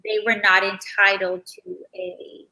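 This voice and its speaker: Bright-voiced Bahamian woman, earnest guest. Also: mid-range voice, little pitch movement, poor audio. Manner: earnest, halting with restarts. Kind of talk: casual interview conversation.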